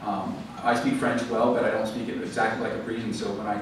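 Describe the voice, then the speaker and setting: This author talks fast in a lowish, flat voice while fielding audience questions at a library event hall. He explains things thoughtfully, though fillers and restarts come often. The mic sits far away in the echoey hall, picking up audible room noise.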